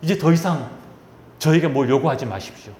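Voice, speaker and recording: A man's voice: on the high side, brisk, darkish tone, roomy sound, a little hiss or hum, natural voice. A man voicing an anguished aged patriarch who pleads with God in desperate questions. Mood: despairing.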